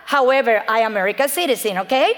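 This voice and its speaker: A woman's voice: on the high side, expressive, fast talker, fairly bright tone. Cuban-accented woman preaching in a reverberant hall. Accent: Cuban Spanish. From Cuba. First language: Spanish. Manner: earnest, preaching, reads scripture aloud, calls out amen to the audience. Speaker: speaker giving her testimony. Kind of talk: church testimony talk. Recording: long reverb in a large hall.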